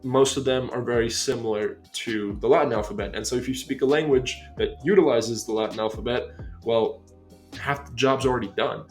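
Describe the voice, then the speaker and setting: A young American man in his twenties hosting a language-learning video, giving an upbeat scripted explainer and slowing down to stress key points. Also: medium pitch, darkish tone. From United States.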